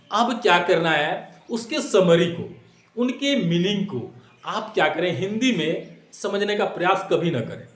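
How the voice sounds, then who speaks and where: A man with a high, somewhat bright voice gives exam tips in a classroom style, repeating his points, asking rhetorical questions, and mixing in English phrases. The room is echoey.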